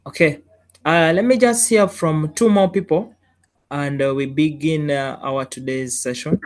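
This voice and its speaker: A courteous man hosts an online class over a video call, greeting each participant by name. His voice sits a little on the high side. He thanks people warmly and invites others to speak. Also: a little slow.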